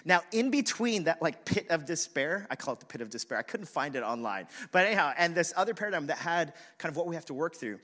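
A man preaching a sermon as pastor, conversational and animated, telling stories and speaking to the congregation. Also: fairly high pitch. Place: church in a city, siren heard outside.

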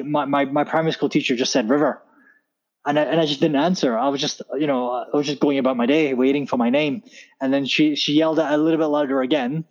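A man's voice: mid-range voice, a little mellow, dull audio. A man in his thirties, a founder guest telling stories in a casual interview, rambling with many fillers and restarts. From Scotland. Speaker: podcast guest, tech founder.

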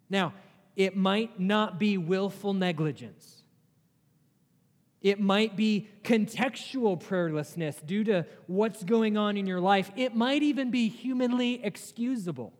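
Male pastor, sermon, slow and deliberate, rhetorical questions, long hall reverb. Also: high-pitched. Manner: earnest preaching with rhetorical questions and emphatic rises.

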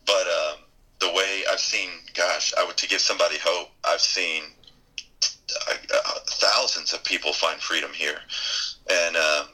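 A man's voice: low voice, fairly even intonation, measured pace, bright, forceful tone, husky, rough recording. A man, a pastor guest, answering interview questions in an earnest, plainspoken way and quoting scripture.

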